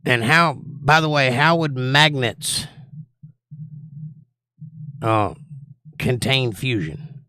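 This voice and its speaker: A man's voice: medium pitch, lively intonation, drawn-out words, long pauses, sharp tone, smooth. A man talks in a dry, echo-free space. He has a folksy hillbilly drawl and an opinionated way of putting things, full of rhetorical questions. He speaks off the cuff, like a livestream host chatting with viewers. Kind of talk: casual livestream chat, monologue answering viewers.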